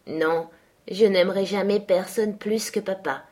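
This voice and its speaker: A woman reading aloud, voicing an earnest, quick-tempered teenage girl with an eager, indignant manner. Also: mid-range voice, fairly even intonation, darkish tone, lightly acted.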